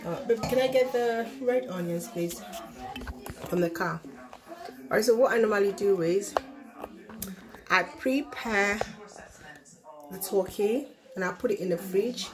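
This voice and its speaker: A woman's voice: medium pitch, a little slow, pauses often. A middle-aged woman from Nigeria shows how she cooks at home, walking through each step and asking if everyone understands. She talks into a phone camera in her kitchen. The room rings with echo, and children chatter around her. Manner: chatty, explains step by step, often checks in with "do you understand?". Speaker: home cook vlogger. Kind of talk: casual cooking demonstration.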